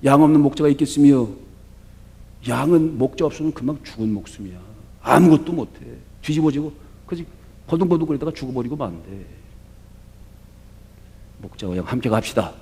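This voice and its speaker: A male pastor giving a sermon, moving from quiet asides to loud, rousing exhortation. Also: mid-range voice, expressive, fairly quick, pauses often. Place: church sanctuary.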